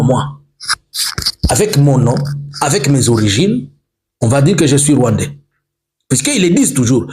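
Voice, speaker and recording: Impassioned man, lively pitch. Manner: emphatic, repetitive, switches between French and English. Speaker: preacher. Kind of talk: impassioned political monologue.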